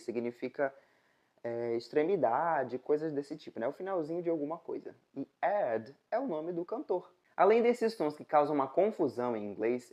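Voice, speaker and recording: A woman from Brazil with a Brazilian Portuguese accent, teaching in a casual video lesson, explaining step by step and slowly repeating example words. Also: low voice, darkish tone, muffled recording. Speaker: English teacher.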